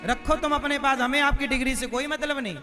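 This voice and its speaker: A religious storyteller delivers a devotional sermon to a live crowd, peppering them with rhetorical questions. His very high voice is pushed and bright, moving a little fast, while instrumental devotional music plays.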